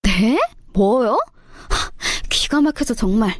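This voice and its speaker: Lady putting on a shrill sneery young sister-in-law, doctor type, mocking, dry close sound. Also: lively intonation, takes it slowly, dry recording. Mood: scornful.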